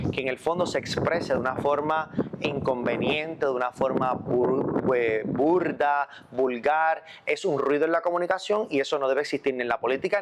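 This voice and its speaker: A Puerto Rican man, a priest, answering interview questions in a measured, reflective way and repeating phrases for emphasis. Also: medium pitch, very noisy. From Puerto Rico.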